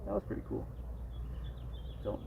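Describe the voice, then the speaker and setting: A man's voice: normal speed, phone-quality sound, a little hiss or hum. A man hosting a casual live stream outdoors on a residential street, chatting and musing aloud to his viewers. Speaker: livestream host.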